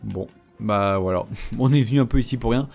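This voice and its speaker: Over soft background music, a man with a mid-range, brisk, creaky and slightly mellow voice narrates his own gameplay in a casual let's-play. His talk is chatty and full of fillers, and he teases the enemies he battles.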